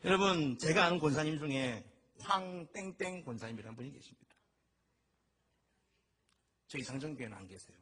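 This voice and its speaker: A middle-aged man preaching a sermon as pastor, telling stories in a lively way and acting out the voices he quotes. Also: fairly high pitch, normal speed, long pauses, breathy edge.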